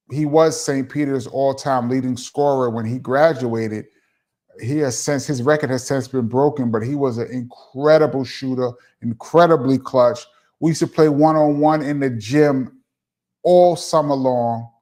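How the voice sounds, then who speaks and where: With a mid-range, slightly mellow voice at a measured pace, a middle-aged man from Brooklyn hosts a live stream in his New York accent. He responds to viewer questions casually and chattily, laughing and saying um often.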